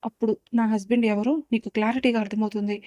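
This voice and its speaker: A woman's voice: on the high side, steady tone, quick pace, warm tone, no echo, lo-fi sound, natural voice. Woman voicing a bossy young wife. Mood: irritated. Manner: scolding, bossy with her younger sister. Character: young woman secretly married, sharp-tongued older sister.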